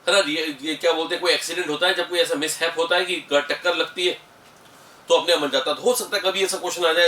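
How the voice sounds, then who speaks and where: Bright, high Indian male chemistry teacher. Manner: explanatory, addresses students as beta, mixes English terms. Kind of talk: classroom lecture. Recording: echoey room, mic at a distance, faint hiss.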